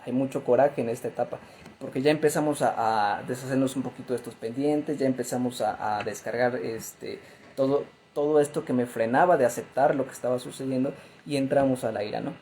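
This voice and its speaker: A man's voice: medium pitch, brisk, darkish tone, a little hiss or hum, rough recording. A man giving a conversational talk on grief as a therapist, full of fillers and tag questions.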